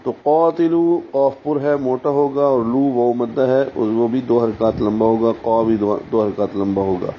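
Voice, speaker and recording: A man teaching Quran recitation, explaining each letter slowly and deliberately, and sounding out syllables as models. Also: medium pitch, little pitch movement. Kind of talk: tajweed lesson, explaining pronunciation. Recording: dull, slightly muffled sound with faint hiss.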